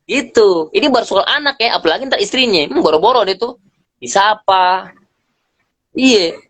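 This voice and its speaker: A man speaking as a guest on a live stream, telling lively stories in slangy casual talk and acting out bits of dialogue. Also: high-pitched, normal speed, dry recording. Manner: animated storyteller, acts out dialogue, slangy. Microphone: phone on a live video stream.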